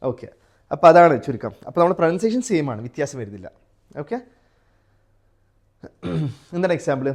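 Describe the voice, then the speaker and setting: A man with a Malayali accent teaching a Quran recitation class, quizzing his students and chanting example verses slowly. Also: on the high side, sing-song, darkish tone. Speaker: tajweed teacher. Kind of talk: live class lesson with students.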